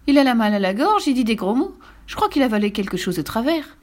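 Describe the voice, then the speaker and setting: A fretting, gentle mother voiced by a woman coaxes and worries in a raised, lilting voice. She sounds like a storybook mum calling her child. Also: fairly high pitch, sing-song, fast talker. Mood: worried. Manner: fretting, coaxing.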